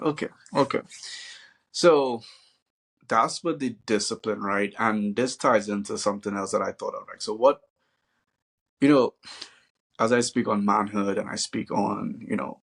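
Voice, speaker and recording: Husky-voiced Trinidadian man hosting. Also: on the low side, normal speed. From Trinidad and Tobago. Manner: relaxed, chatty, thinks aloud with many fillers. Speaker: podcast host. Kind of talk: casual conversation.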